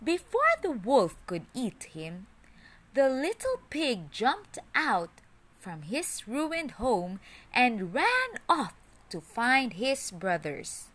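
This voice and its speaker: A woman narrating a children's story in a slow, expressive, sing-song storytelling manner as the host of a story channel. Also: on the high side.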